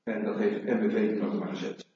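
Speaking fast in a lowish voice, a middle-aged preacher delivers an energetic sermon full of rhetorical questions for the congregation. He was recorded from a distance in an echoey church hall, and the sound comes across dull.

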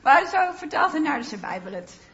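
Woman preaching, high voice, slow and earnest, kinda dull lo-fi sound. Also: sing-song, fairly bright tone. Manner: slow, earnest, rising emphasis on key phrases. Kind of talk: sermon.

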